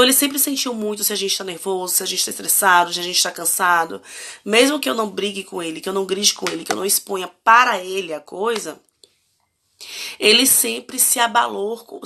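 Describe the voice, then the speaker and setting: A woman's voice: mid-range voice, creaky, bright, forceful tone. A Brazilian woman in her thirties hosting a live stream on parenting, reflective and asking her viewers direct questions. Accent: Brazilian Portuguese. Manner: reflective, asks the audience many direct questions.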